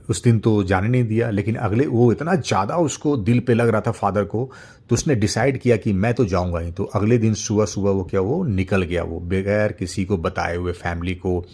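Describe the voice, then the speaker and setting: A man's voice: on the low side, normal speed, warm tone, breathy edge. Middle-aged man telling a story. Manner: unscripted, with frequent fillers and repeated words. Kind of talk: casual spoken story narration.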